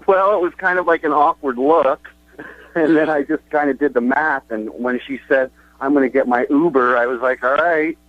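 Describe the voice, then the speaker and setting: A man's voice: a little high, normal speed, no room sound. A man calling into a radio show, sheepish and hesitant as he admits an awkward mistake. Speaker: caller. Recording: dull phone line.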